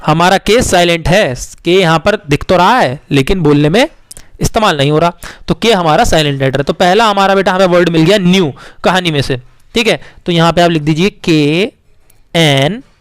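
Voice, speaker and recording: A male teacher patiently explaining spelling to young children, coaxing them along and repeating words slowly letter by letter. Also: sits high, clean tone, no room sound. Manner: coaxing, addresses children as beta.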